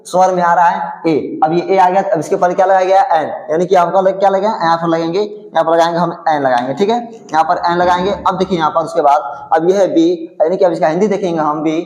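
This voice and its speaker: A man's voice: high voice, fairly even intonation, fast, few pauses, a little mellow, reverberant, rough recording. A male teacher explaining a grammar point step by step, repeating himself and checking in with his students. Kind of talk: whiteboard grammar lesson.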